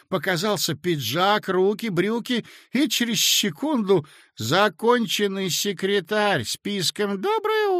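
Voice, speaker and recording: Male audiobook narrator, measured expressive reading, fairly high voice, dry close mic. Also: no echo. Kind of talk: scripted narration.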